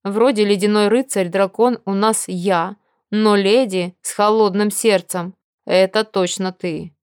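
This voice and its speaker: A woman's voice: mid-range voice, clear, resonant tone, dry recording, clean studio sound, close to an everyday voice. A woman voicing a smug, teasing dragon knight. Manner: unhurried, self-assured teasing. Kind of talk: audiobook character voice.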